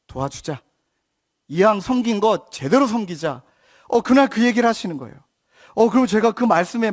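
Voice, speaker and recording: A man in his thirties, a pastor, preaching a sermon as a story and dropping to a soft hushed voice when he quotes others. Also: sits high.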